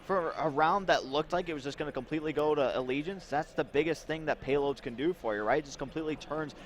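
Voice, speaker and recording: A man's voice: a little high, fast talker. Casual analytical esports caster man. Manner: relaxed analytical chat, casual slang. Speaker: esports color commentator. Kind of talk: live esports commentary.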